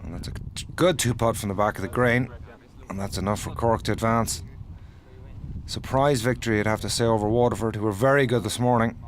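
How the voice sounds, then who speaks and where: A man's voice: fairly low pitch, steady tone, a little fast. A man giving commentary at a golf tournament. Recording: clear outdoor ambient noise.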